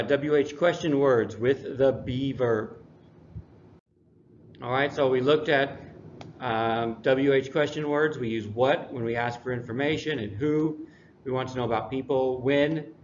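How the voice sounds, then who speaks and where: Relaxed male English teacher, lo-fi. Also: medium pitch. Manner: relaxed, dry classroom humor. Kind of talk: recorded lesson review. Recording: dull lo-fi recording, faint noise.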